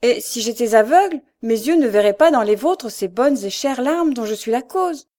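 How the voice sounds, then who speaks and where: Tender storybook daughter, soft and pleading, read by a woman. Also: a little high, animated, normal speed, close to an everyday voice. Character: gentle young woman hiding her failing sight.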